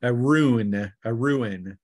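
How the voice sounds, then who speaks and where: Improvising as game master, this man narrates a tabletop roleplaying game in fits and starts, pausing as he goes. His voice sits in the mid range with a slightly mellow quality.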